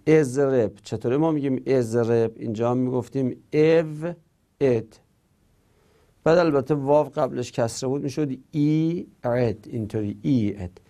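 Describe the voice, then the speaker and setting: A male teacher with a warm, low voice and a bit of fry gives a grammar lesson. He methodically and steadily reads the rules aloud and then explains them.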